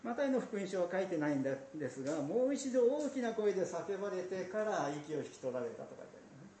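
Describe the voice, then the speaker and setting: A man's voice: sits high, big pitch swings, fast talker, dark tone, a little hiss or hum. A man preaching a sermon as a pastor, chatty and storytelling, with asides. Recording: roomy sound from a distance.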